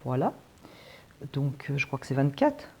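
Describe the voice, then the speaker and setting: A woman's voice: extremely low pitch, big pitch swings, moderate pace, slightly rough. A woman hosting a watercolor channel, chatting casually through an unboxing and thinking aloud with frequent hesitations.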